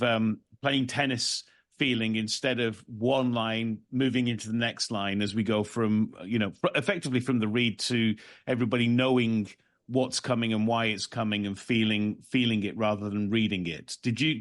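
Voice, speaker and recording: A man hosts a podcast discussion at a moderate pace with a medium-pitched voice, keeping things casual and conversational. He moderates the session, which takes place over a video call.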